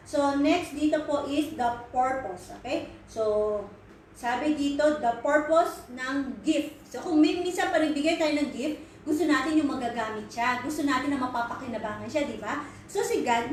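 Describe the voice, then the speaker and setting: A woman's voice: high voice, slight background noise. A woman giving an earnest sermon, switching between English and Filipino and asking rhetorical questions. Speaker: Bible study speaker. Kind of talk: Taglish sermon. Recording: very echoey room, voice far from mic.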